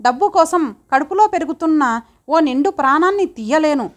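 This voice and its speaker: A woman's voice: high voice, animated, normal speed. A woman voicing a poor, pregnant young woman who speaks in a firm, pleading way.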